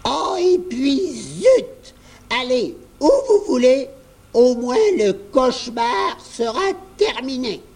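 A man voicing an exasperated elderly grandmother in a storybook reading, with a high, strained and sharp voice. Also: lively intonation, slow, exaggerated voice.

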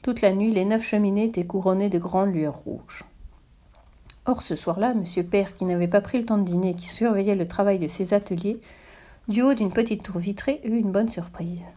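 A woman reading a children's novel aloud in a steady, expressive storybook style. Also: mid-range voice, moderate pace. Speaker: narrator.

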